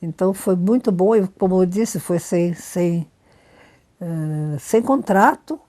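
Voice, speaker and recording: An older woman being interviewed, telling lively anecdotes and repeating words for emphasis. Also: on the low side, takes it slowly. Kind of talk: storytelling interview.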